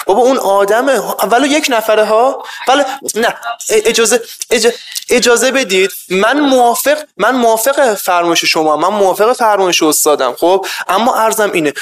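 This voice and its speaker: A man's voice: high voice, a bit bright. A man in a discussion, deferentially but insistently pressing his point to his professor. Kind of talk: polite debate.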